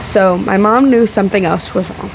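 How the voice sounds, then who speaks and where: Loud fan noise fills the house room where a woman vlogs to camera, rebutting a video casually but emphatically. Her medium-pitched voice is gravelly, and her halting phrases sound sick, emotional, and slightly out of breath.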